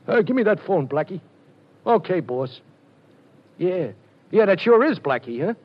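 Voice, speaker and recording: A pushy gangster henchman, pitched high and swinging widely, with a raspy edge. He barks slangy tough-guy talk in old radio crime style. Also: sing-song, unhurried, exaggerated voice. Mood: pushy, urgent. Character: male gangster henchman, rough and pushy, being impersonated. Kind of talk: 1940s radio acting. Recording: muffled old radio recording.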